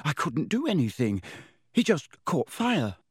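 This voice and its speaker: A man's voice: a little high, wildly swooping pitch, measured pace, husky, dry recording, clean studio sound, voice pushed up, heavily acted. A man reading a storybook aloud, voicing a young schoolboy wizard who gasps out his words in a fluster. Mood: panicked. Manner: gasping, flustered.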